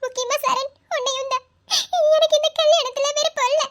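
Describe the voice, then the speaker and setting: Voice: very high-pitched, steady tone, a little fast, fairly bright tone, dry recording, studio quality. A performer voicing a young bride in a cartoon who reads out her farewell letter in a pleading, apologetic way. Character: young bride, tearful and defiant.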